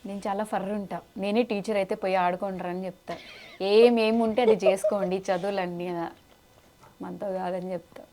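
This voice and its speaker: A woman's voice: medium pitch, steady tone, fairly quick, warm tone, a little hiss or hum. A woman interviewing a child actor in a casual chat, playful and teasing.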